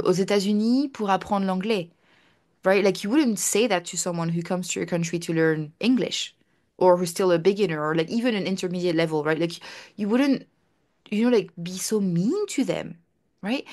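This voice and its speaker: A young woman talks casually to the camera as a language teacher. Her voice sits at an ordinary middle pitch. She pauses on fillers and keeps repeating herself in English after French. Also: darkish tone. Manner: switches between French and English, repeating points in translation; chatty, with frequent hesitations and fillers. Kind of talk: casual personal talk to camera.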